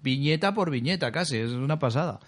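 A man's voice: fairly high pitch, animated, fairly quick. A man in casual chat, chatty and nostalgic, laughing often as he talks. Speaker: comics podcast co-host.

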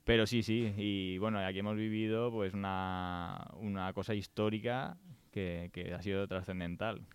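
A man in his thirties with a Spain Spanish accent, hosting a casual podcast chat, talking with many restarts and quick laughs. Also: fairly low pitch, fairly even intonation, clean tone. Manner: chatty, laughs often, trailing restarts. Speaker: podcast host.

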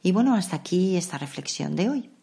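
A woman with a low, soft voice talks through meditation practices in a relaxed podcast monologue. She speaks calmly and conversationally, explaining each practice gently. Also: fairly quick, creaky. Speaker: podcast host.

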